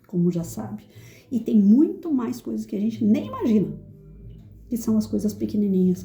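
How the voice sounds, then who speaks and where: The room's roomy echo frames a reflective talk by a middle-aged woman teacher speaking to an audience. Her voice is firm, clear and carrying, very dark and mellow in tone, and at times she acts out quotes in shrill, high voices.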